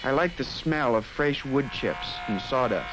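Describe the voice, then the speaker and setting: A man's voice: medium pitch, animated, unhurried, close to an everyday voice. An actor playing a sincere teenage craftsman, narrating his thoughts in a reflective 1950s educational film voice-over. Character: earnest teenage schoolboy craftsman musing to himself. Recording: faintly noisy 1950s film soundtrack.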